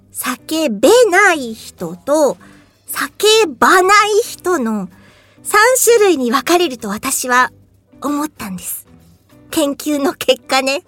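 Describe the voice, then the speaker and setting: Lively high-voiced woman chatting casually. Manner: chatty, laughs often, mimics screams. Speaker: voice actress hosting a talk show. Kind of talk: casual solo chat.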